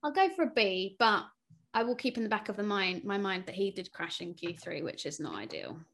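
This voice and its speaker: A woman co-hosting a casual panel chat, chatty and quick to laugh. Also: medium pitch, sing-song, a bit bright. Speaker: co-host.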